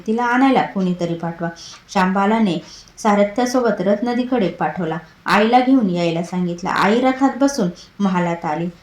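A woman narrates a devotional folk tale in a steady, rhythmic cadence. Her voice sits at a middling pitch, and the recording has a noticeable roomy echo. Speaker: storyteller.

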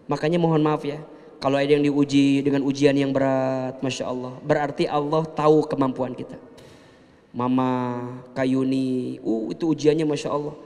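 A man delivering an emotional sermon as a preacher, swinging between soft and loud passages. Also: mid-range voice, flat delivery, moderate pace, long reverb tail.

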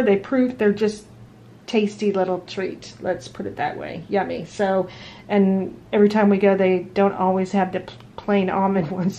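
A woman chatting casually at home while showing off her weekly grocery haul, relaxed and full of ums and restarts. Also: mid-range voice, slight background noise. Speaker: vlogger. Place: home dining room at a table.

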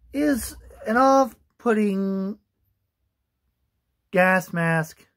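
A young man giving a casual, halting explainer to camera, often repeating himself, on a phone held at arm's length indoors. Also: sits high, a bit bright. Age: young adult. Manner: halting, repetitive. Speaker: vlogger. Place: small room indoors.

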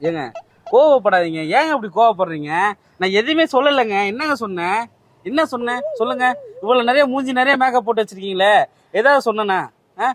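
High-voiced young man pestering pleadingly. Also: lively intonation, brisk, fairly bright tone. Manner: pushy, wheedling, keeps calling out to her. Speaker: prankster. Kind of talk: street prank, pleading love proposal. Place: outdoors on a street.

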